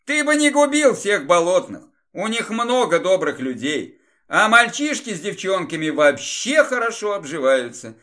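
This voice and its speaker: A man's voice: high-pitched, big pitch swings, moderate pace, sharp tone, voice pushed up, full character voice. A man reading the lines of a tired woman housekeeper in an audiobook, matter-of-fact as she reports. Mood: businesslike.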